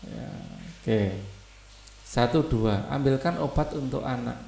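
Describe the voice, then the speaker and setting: A man's voice: medium pitch, slow, gravelly, warm tone, echoey room, slight background noise. A male teacher, reading textbook passages aloud and explaining them in loose asides.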